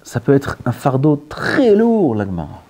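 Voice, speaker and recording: Animated rabbi, dark voice. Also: male voice, mid-range voice, normal speed, slightly rough. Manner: animated, dropping to near-whispers and rising again; mixes Hebrew terms into French. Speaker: rabbi giving a Torah talk. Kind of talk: sermon.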